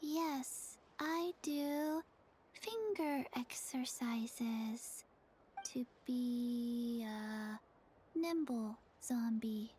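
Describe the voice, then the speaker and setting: A woman voicing a small deadpan zombie girl with a halting, flat, childlike delivery in a video game. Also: a little high, a little hiss or hum, rough recording. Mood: flat, earnest.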